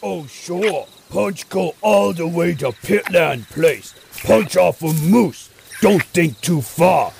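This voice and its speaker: A man's voice: sits high, animated, slow pace, gravelly, noisy background, full character voice. A man voicing a hulking, dim-witted but friendly male super mutant who speaks in broken caveman phrases. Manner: broken caveman speech, talks of himself by name.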